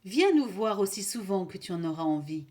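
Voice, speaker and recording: A woman's voice: medium pitch, big pitch swings, fairly quick, mellow. A woman voicing a kind, welcoming mother chamois in a storybook reading.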